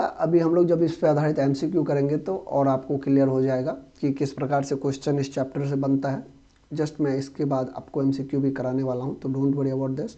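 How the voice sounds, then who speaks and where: A man's voice: a little high, dark tone. A young man teaching an exam-prep grammar lesson in a conversational way, often checking that students follow. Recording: dull lo-fi recording.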